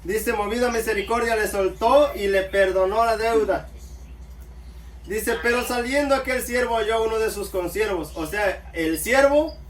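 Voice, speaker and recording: A man's voice: sits high, moderate pace. A man preaching a sermon, calling his listeners brothers and answering himself with amen. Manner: addresses listeners as brothers, calls out amen often. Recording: echoey room, mic far off, faint background noise.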